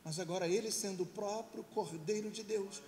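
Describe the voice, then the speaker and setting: A man's voice: high voice, normal speed, warm tone. A middle-aged man preaching an emphatic sermon in church and leading the congregation to repeat after him. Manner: emphatic, leads call-and-response. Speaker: pastor. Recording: reverberant church hall, faint hiss.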